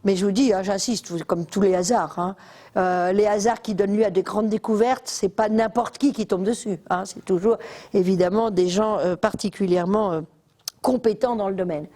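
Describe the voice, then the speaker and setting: An older woman giving a lively, chatty lecture to an audience in a lecture hall, with many fillers and asides. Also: medium pitch, normal speed.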